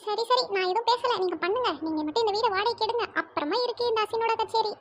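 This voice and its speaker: Cartoon: woman voicing a cheeky young neighbour, very high squeaky voice, fast and teasing. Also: highs cut off. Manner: teasing, giggly, sing-song.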